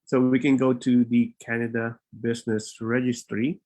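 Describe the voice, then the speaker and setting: A man's voice: mid-range voice, little pitch movement, moderate pace, darkish tone. Man, live webinar host, informal and rambling, slightly out of breath, laptop mic. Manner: informal, rambling, with frequent fillers and restarts. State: a bit out of breath. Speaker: immigration consultant and webinar host.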